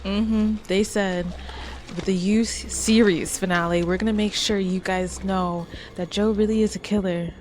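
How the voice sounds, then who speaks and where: A woman's voice: mid-range voice, fairly even intonation, normal speed, darkish tone, a little hiss or hum. A woman hosting a reaction video, talking back to the screen in blunt, profane casual commentary.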